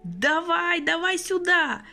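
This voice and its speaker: A woman's voice: high voice, big pitch swings, moderate pace, vocal fry, bright, forceful tone, faint music behind, voice pushed up, full character voice. A woman reading an audiobook, voicing a kind, emotional old man who used to be a train conductor, with a fussy, exclamatory manner. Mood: jovial.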